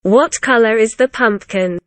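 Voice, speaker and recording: A woman's voice: on the high side, unhurried, no echo. A woman giving a scripted beginner vocabulary lesson, speaking carefully and simply, as if reading to a toddler. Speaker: language teacher for beginners. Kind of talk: scripted vocabulary lesson, simple words and phrases one at a time.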